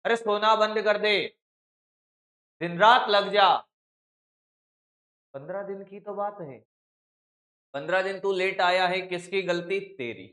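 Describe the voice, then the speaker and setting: Guy teaching online class, high voice, kinda slow, scolds and coaxes the kids. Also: fairly bright tone. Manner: brisk, scolding and coaxing, calls students "beta". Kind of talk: live online exam-practice class.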